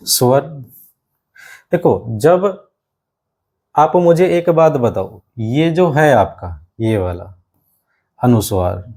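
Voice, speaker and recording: A man's voice: a little high, lively intonation, very slow, long pauses, darkish tone. A man teaching a grammar lesson for exam students, explaining step by step with many rhetorical questions and often addressing the students as his friends.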